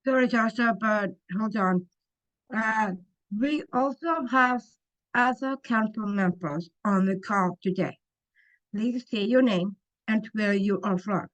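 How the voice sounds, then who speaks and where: A woman from Ontario leads a council webinar over a video call. She speaks slowly and carefully in a mid-pitched voice, reading from prepared notes. Now and then she stumbles and restarts a word. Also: a bit bright, dull audio. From Ontario, Canada. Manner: slow and careful, with small restarts. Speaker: webinar host, council member.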